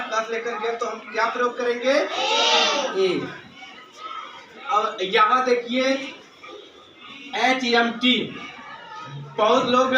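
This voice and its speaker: A male teacher giving a grammar lesson, asking questions and answering them himself, and calling his students "beta". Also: very high-pitched. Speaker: school English teacher. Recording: echoey room from far off, noisy.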